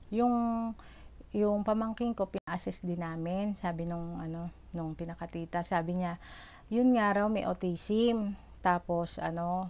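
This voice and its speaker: A middle-aged woman from the Philippines talks straight to her viewers as a mother sharing her story. Her voice sits a little low, and she rambles earnestly, stopping for fillers and acting out what others said. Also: a little mellow. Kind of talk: personal vlog storytelling.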